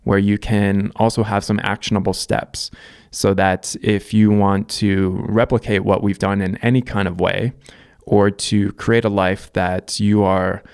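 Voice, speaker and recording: A Canadian vlogger in his thirties talks through his life story to camera in a casual monologue. His slightly low voice is smooth, resonant and a little mellow, recorded close and dry. He speaks reflectively and loosely, with plenty of ums and restarts.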